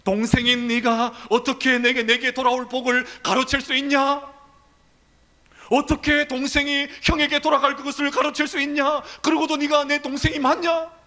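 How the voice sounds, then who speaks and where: A pastor voicing a bitter, accusing elder brother. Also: male voice, extremely high pitch, level tone, moderate pace, bright, forceful tone, voice pushed up, heavily acted.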